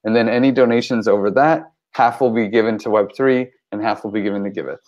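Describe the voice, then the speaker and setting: Man in a team call, loose and rambling, low voice, muffled lo-fi sound. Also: fairly even intonation, fast talker, a little mellow. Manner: loose, rambling, many fillers. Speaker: team member reporting on campaigns. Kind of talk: casual meeting talk. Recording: dull lo-fi call audio.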